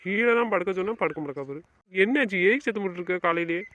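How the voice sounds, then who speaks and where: An actor playing a stern, protective young husband and brother who gives short orders. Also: male voice, high voice, pushed and bright. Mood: alarmed. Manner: brisk, bossy, gives orders. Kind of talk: family web-series drama acting.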